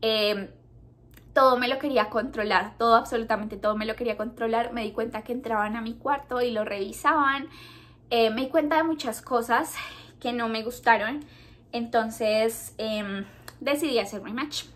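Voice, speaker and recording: A woman's voice: on the high side, steady tone, fairly bright tone. Emotional Colombian woman telling her story. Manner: halting, repeats words, near tears. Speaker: vlogger.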